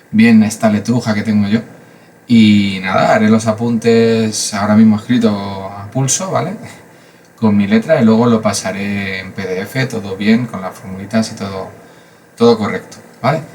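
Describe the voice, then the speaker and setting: A man's voice: lowish voice, a little mellow, slight background noise. A man from Spain giving a casual math lesson, chatty and full of fillers and asides. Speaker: math teacher.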